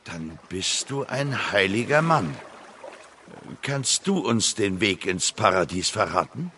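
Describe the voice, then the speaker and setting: An earnest, kindly seafarer played by a man in a comic audio drama. His voice is fairly low but bright and very expressive, set against watery background noise. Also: slow, full character voice. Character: earnest seafaring would-be rescuer, pious and kindly.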